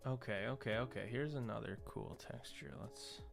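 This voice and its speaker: Over music, a man streams himself at work as a visual artist, his mid-range, creaky voice moving at a moderate pace. He muses aloud in hesitant fragments, casually narrating what he's doing on screen.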